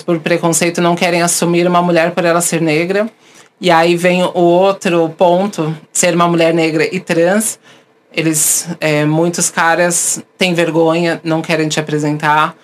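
A woman, a podcast host now interviewed, telling candid personal stories and acting out the people she quotes. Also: low-pitched. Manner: animated, acts out the voices of people she quotes.

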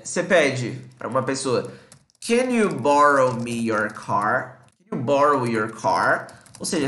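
A man with a Brazilian accent teaching English in a casual lesson, explaining in Portuguese and saying English phrases slowly. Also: medium pitch, pushed and bright, echoey room.

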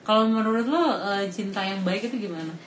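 Quick-talking woman host, casual and chatty, echoey room. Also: medium pitch. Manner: chatty, mixes in English phrases. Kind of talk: casual podcast chat. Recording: roomy echo, faint noise.

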